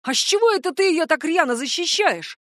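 A woman's voice: extremely high pitch, animated, fairly quick, a bit bright, no echo, clean studio sound, voice pushed up. A woman voicing a hot-tempered young male shapeshifter in an audiobook, speaking in hissed, clipped threats. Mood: menacing. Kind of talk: audiobook narration.

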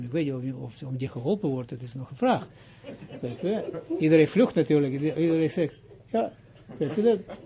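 A man's voice: mid-range voice, creaky, warm tone, highs cut off, a little hiss or hum. A man, a rabbi, giving an informal spoken lesson, explaining step by step and often stopping to check that listeners follow. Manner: explains with frequent checks like "Duidelijk?" and halting restarts. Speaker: rabbi teaching Kabbalah.

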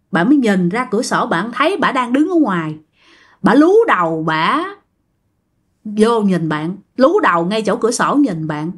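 A woman with a Southern Vietnamese accent narrating a ghost story in a chatty way, talking straight to her listeners. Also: mid-range voice. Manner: chatty, addresses listeners directly.

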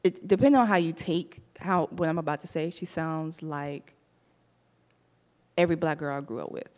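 A woman's voice: deep voice, normal speed. Chatty young woman on a radio show. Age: young adult. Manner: chatty, animated, laughs easily. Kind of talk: casual chat.

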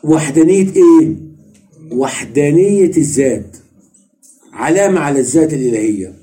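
This man, a religious teacher, speaks with an Egyptian Arabic accent in a fairly high, mellow voice at normal speed, his intonation lively. In his religious study lesson he asks questions, answers them himself, and goes over each point again.

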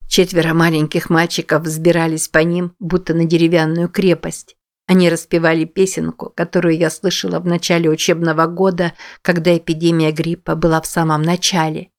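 A woman narrating a first-person story in a measured, somber reading. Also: low-pitched, flat delivery. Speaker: audiobook narrator.

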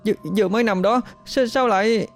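A male storyteller voicing a frightened little boy who cries and stammers in a high, shaky voice. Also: animated, fairly quick, soft background music. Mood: scared.

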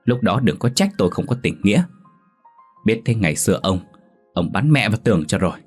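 A man voicing a gruff, angry middle-aged village father who scolds and hisses at his family. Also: deep voice, expressive, brisk, soft background music. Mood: angry scolding. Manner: scolding, hissing through teeth.

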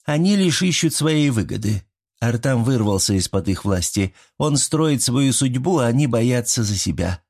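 A man voicing a calm, soft-spoken but insistent old grandmother spirit in a fairy tale. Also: medium pitch, normal speed, slightly rough, voice pushed up. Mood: calm, firm.

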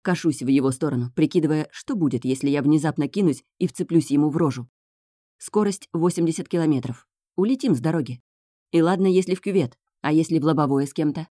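A woman narrating a first-person novel as an audiobook, in a tense, hushed inner voice. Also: low-pitched, fast, no room sound, studio quality.

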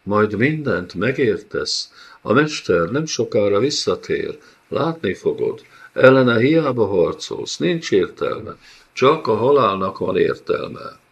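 A man's voice: on the low side, slightly rough, heavily acted. Man voicing an undead woman trapped in a golem. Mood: soothing. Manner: taunting, eerily calm. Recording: dull lo-fi audiobook recording.

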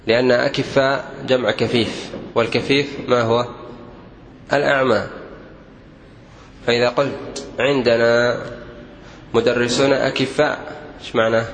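A man teaching Arabic usage, correcting common mistakes one by one in a measured, repetitive lecturing manner. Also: medium pitch, level tone, slight background noise, rough recording. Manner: didactic, measured, repeats each correction. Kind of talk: lesson correcting common errors.

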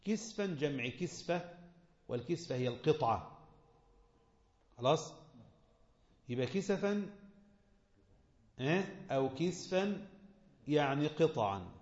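A man with an Egyptian Arabic accent giving a Quran commentary lesson, quizzing his listeners and slowing down to recite verses. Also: a little high, animated, a little mellow. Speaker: religious teacher. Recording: echoey, dull lo-fi room recording.

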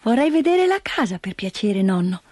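A woman voicing Heidi, an excited, chatty little girl who asks eager, breathless questions in a storybook reading. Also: mid-range voice, normal speed, dry recording.

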